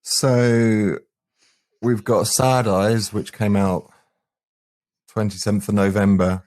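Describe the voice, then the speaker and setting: A man's voice: on the low side, little pitch movement, takes it slowly, a little mellow. A man chatting earnestly and enthusiastically as an interview guest from a band. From England, UK. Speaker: band singer and guitarist, guest. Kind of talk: casual interview chat.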